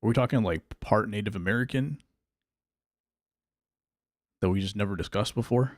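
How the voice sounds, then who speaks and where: A man's voice: lowish voice, normal speed, no echo, studio quality. A male streamer chatting casually while he plays, thinking aloud about his picks and answering his chat. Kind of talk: casual gameplay livestream chat.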